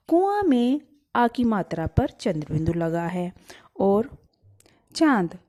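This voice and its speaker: A woman's voice: mid-range voice, dark tone. A woman teacher giving a grammar lesson to children, patiently explaining and asking them to repeat the words aloud. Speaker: Hindi teacher.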